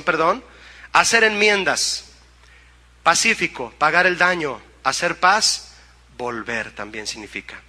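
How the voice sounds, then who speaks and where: A man's voice: high voice, pushed and bright, in a large hall. A male pastor preaching a sermon, reading scripture aloud and asking the congregation to answer back.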